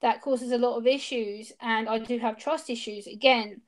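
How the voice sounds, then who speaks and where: A woman's voice: a little high, fairly even intonation, normal speed. A woman speaking openly and earnestly as an interview guest, with hesitant restarts, over a video call. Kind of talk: candid personal interview.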